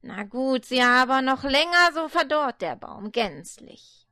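A short-tempered storybook devil played by a woman reading aloud, loud and snappish. His voice sits high and climbs even higher when he gets angry. It is close and dry, with no room sound. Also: a little slow, no echo, exaggerated voice. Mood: gruff.

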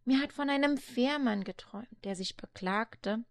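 A woman voicing a kindly old grandmother in a read-aloud fairy tale, speaking slowly and softly, sometimes in a whisper. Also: on the high side, gravelly. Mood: soothing. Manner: hushed, slow and soothing, at times whispered. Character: soft-spoken old grandmother, kindly and soothing.

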